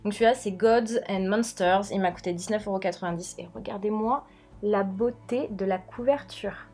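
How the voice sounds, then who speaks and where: A woman's voice: medium pitch, normal speed, darkish tone. A young woman presenting books to camera in a chatty, informal and gushing way. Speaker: book vlogger. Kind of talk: casual book haul presentation to camera.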